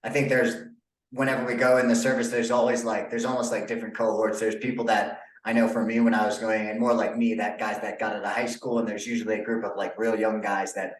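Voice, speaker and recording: A young adult man hosting a casual interview podcast, relaxed and full of fillers. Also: lowish voice, fast, distant mic. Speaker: podcast host. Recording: echoey room, off-mic.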